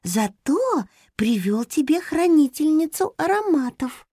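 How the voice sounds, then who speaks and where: A tiny male hamster from a storybook, speaking in a high, tender voice as if soothing a sick friend, as a woman narrator puts him on. He stays patient and soft-spoken, sometimes dropping to a hushed whisper. The sound is close and dry. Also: very animated, a little slow, no echo.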